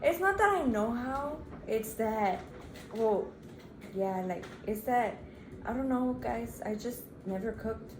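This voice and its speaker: A woman's voice: on the high side, animated, slow, echoey room, noisy background. A nineteen-year-old woman co-hosting a casual Q&A vlog, chatty and constantly calling her viewers "guys". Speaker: vlog co-host.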